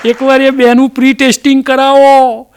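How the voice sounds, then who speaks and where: A man's voice: very high voice, flat delivery, normal speed, crowd noise, background noise. A man with a Mehsana Gujarati accent telling jokes in a folksy, chatty stand-up style, with dialect fillers. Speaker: comedian.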